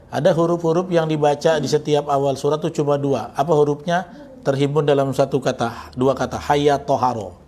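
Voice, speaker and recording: A man's voice: fairly high pitch, mellow. A man teaching Quran recitation, chanting verses and then correcting pronunciation with teasing remarks.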